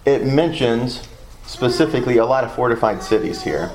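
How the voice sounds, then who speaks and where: A man's voice: medium pitch, lively intonation, moderate pace, a little mellow, a little hiss or hum, rough recording. A man with a Southern US accent leading a Bible study, thinking aloud in a loose, hesitant way as he reads and discusses scripture.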